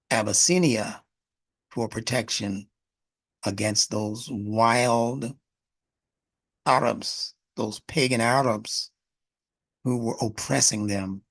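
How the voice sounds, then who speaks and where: A man's voice: mid-range voice, no room sound. A male instructor giving an emphatic spiritual lecture, breaking words apart to explain their origins.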